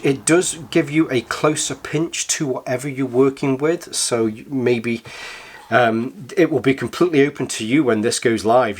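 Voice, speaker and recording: A man with a croaky, slightly hoarse voice, chatting casually and enthusiastically as he reviews a product, a little rambling and hesitant. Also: mid-range voice. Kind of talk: casual review chat to camera.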